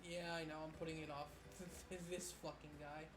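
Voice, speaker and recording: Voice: medium pitch, flat delivery, normal speed, over music. A let's player giving casual, chatty commentary on a video game playthrough.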